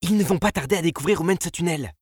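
A man's voice: a little high, darkish tone, husky, no echo, studio quality, pitched above the performer's own voice. A man voicing a sinister woman convict with a hissing voice, speaking in urgent haste. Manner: urgent, hurried.

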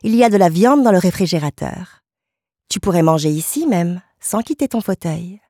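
A woman's voice: on the low side, expressive, moderate pace, warm tone, slightly rough, no echo, clean studio sound. A woman reading an audiobook and voicing a sweet, doting pregnant young wife who is eager to please. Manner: eager and solicitous.

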